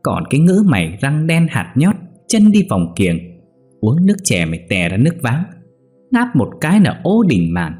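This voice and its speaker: A man voicing a sharp-tongued old village mother-in-law, scolding in a shrill, shrieking voice. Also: huge pitch swings, normal speed, soft background music. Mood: scornful scolding.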